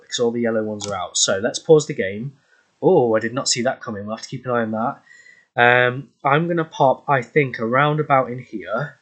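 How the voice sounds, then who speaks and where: A man's voice: medium pitch, fairly bright tone, poor audio. Man thinking aloud over gameplay. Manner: thinking aloud, hesitant, self-correcting with ums. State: hiccuping. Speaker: gaming YouTuber. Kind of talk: casual gameplay commentary.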